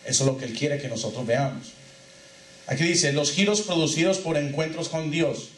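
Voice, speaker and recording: A man's voice: on the high side, moderate pace. A man preaching a sermon as pastor, reading scripture and quizzing the congregation with call-and-response questions, his voice rising and dropping for emphasis. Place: church. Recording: echoey church hall.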